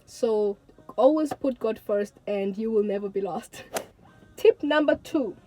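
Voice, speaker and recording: Speaking slowly over music, a young Tanzanian woman of eighteen chats earnestly to camera, often repeating words to stress them. Her voice sits on the high side, and the recording is low quality.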